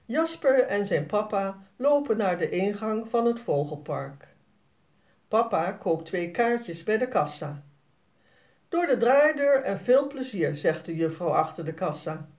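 A children's storybook narrator who reads slowly and clearly. The delivery is expressive, with a lively, melodic rise and fall. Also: mid-range voice. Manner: slow, expressive reading for children. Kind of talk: storybook read-aloud.

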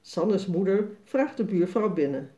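A narrator reading a children's storybook aloud, slow, clear and expressive. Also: mid-range voice.

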